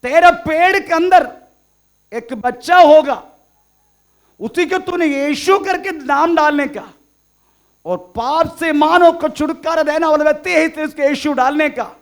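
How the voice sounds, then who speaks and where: A man preaching in Hindi, voicing an angel who proclaims a holy birth in a raised, loud tone. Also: very high voice, a little slow, pitched above the performer's own voice. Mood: exalted proclaiming.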